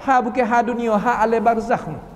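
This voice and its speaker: High-voiced Kelantan-Patani Malay religious teacher. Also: male voice, brisk. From southern Thailand (Patani). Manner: folksy, asks rhetorical questions, acts out quoted voices. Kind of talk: Quran commentary lesson. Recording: long reverb of a large hall.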